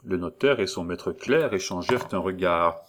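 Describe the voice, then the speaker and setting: A man reading a classic novel aloud as an audiobook narrator, in a measured literary style. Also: sits low, animated, fairly bright tone.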